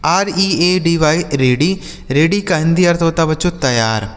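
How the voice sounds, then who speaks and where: A man teaching English words to children, spelling each word out letter by letter and repeating every example slowly. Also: a little high, in a large hall. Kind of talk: vocabulary lesson for children.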